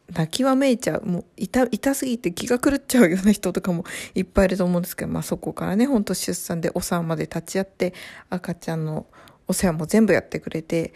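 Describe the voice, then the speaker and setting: A woman, a new mother, chatting casually to her viewers in soft, rambling sentences full of fillers and pauses. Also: lowish voice. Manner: trails off in long run-on sentences. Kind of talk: casual chat to camera.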